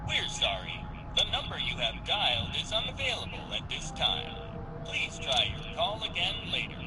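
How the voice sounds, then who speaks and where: A man voicing an automated phone operator in a video game, heard as a distant recorded phone message with a flat, formal delivery. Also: a little high, moderate pace, very noisy.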